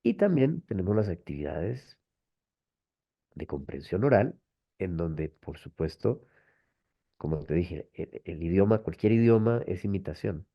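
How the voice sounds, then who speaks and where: A man's voice: deep voice, sing-song, measured pace, slightly rough. A man hosting an online webinar, explaining patiently with many rhetorical tag questions over a video call. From Colombia. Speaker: webinar host, language method presenter. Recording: dull lo-fi call audio.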